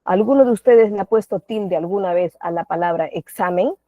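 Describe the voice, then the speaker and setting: A warm, mid-range female voice, a little on the fast side, belongs to a Peruvian woman giving an online class in Peruvian Spanish. She's patient, poses questions to the class regularly, and tags her statements with questions. Dry, phone-like audio with no room sound.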